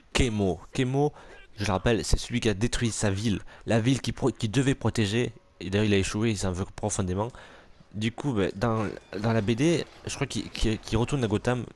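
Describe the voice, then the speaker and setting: Gamer guy rambling through a let's play, bit low voiced, swears a lot, trash talks the bad guys. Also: normal speed, a little mellow. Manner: casual, crude, joking, talks to enemies on screen. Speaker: gamer commentating gameplay.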